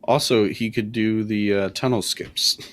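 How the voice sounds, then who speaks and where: A man with a cold, hoarse from being sick, giving casual, joking commentary on a live game match. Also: lowish voice, fairly even intonation, unhurried, a little hiss or hum. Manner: joking, laughs often.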